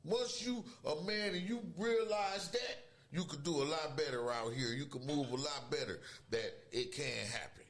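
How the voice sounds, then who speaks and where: A man's voice: a little high, moderate pace, hardly any pauses, a bit bright. A middle-aged man chatting casually and telling stories in slangy, profane street talk. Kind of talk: casual chat, storytelling. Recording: background noise.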